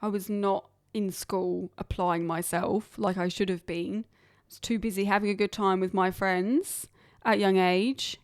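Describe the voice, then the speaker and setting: A woman's voice: medium pitch, fairly even intonation, measured pace, no echo, clean studio sound. A young Englishwoman hosting her own podcast, chatting and rambling casually on her own. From England. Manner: rambling, chatty, self-deprecating. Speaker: podcast host. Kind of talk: casual solo chat. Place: hot humid region, indoors.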